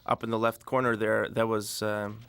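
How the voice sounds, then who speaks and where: A man giving a relaxed, rambling DVD commentary as a director, with many fillers. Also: lowish voice, normal speed, gravelly, clear, resonant tone.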